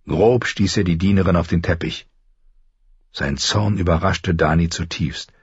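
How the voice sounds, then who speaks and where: Male audiobook narrator, husky, lowish, measured delivery, dry dull recording. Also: dry recording. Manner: measured, even storytelling. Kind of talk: scripted narration.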